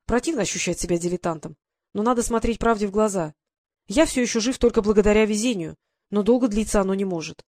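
A woman narrating a first-person adventure novel in an even, measured storytelling manner. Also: mid-range voice, dry recording. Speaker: audiobook reader.

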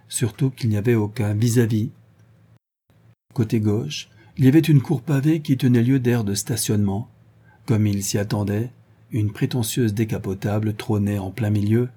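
A man reading an audiobook in an even, measured narration. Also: fairly low pitch, husky. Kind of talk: scripted narration.

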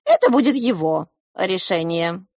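A woman's voice: mid-range voice, expressive, a little slow, darkish tone, no echo, clean studio sound. Woman doing a gloomy stern king.

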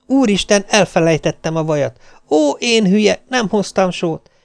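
A man voicing a harried, frazzled young wife and mother who talks in a rushed, complaining way. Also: high-pitched, lively intonation, creaky, voice pushed up. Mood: dismayed.

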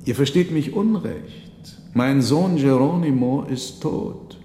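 Man playing a pleading old father, earnest, slow, echoey hall. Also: medium pitch, lively intonation, darkish tone, slight background noise, voice pushed up. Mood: grieving. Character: old male host, grieving father, earnest. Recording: roomy reverberant hall.

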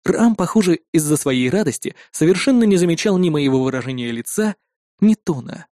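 A man narrating a first-person story in an expressive audiobook style, voicing the dialogue. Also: fairly high pitch, a little fast, no room sound, clean studio sound.

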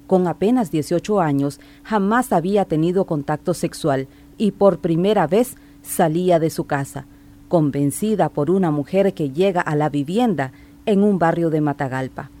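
A woman narrates a radio report in a measured, formal read. Her voice sits low and sounds mellow and warm. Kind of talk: scripted news narration.

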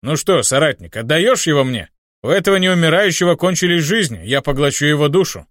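A man voicing an ancient, gloating male demon who speaks in gruff, unhurried pronouncements in an audiobook. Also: a little high, lively intonation, a bit bright, no echo, clean studio sound. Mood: grim.

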